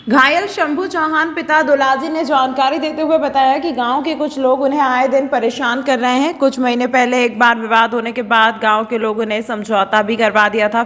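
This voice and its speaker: A woman reading a local news bulletin as a voice-over, steady and formal. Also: on the high side. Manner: steady read. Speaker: news reader. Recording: echoey room with long reverb.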